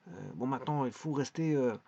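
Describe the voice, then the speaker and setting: A man's voice: medium pitch, a little fast, warm tone, lo-fi sound. A man talking casually in a vlog, presenting a website with many hesitations, restarts and repeated words.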